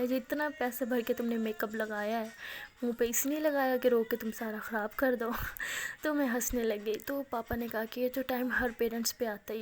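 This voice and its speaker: A young woman with a slightly high voice tells her own story in a chatty, animated way. She laughs now and then and slips into the voices of the people she quotes. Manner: chatty, laughs often, mixes English words. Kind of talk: first-person storytelling.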